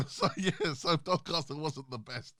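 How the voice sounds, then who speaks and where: A man hosting a podcast, bantering and throwing in quick jokes. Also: fairly high pitch, pushed and bright. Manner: banters and cracks quick jokes between short backchannels. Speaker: podcast host. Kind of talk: casual podcast chat. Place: podcast studio.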